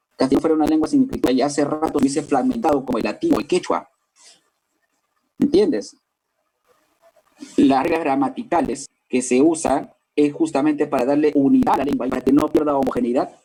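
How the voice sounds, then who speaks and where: A male language teacher with a Lima Peruvian accent delivers a classroom lecture. His voice sits a little high yet sounds deeply mellow and dark. He explains point by point and keeps checking with his listeners that they follow. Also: rough recording. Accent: Peruvian Spanish, Lima. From Peru.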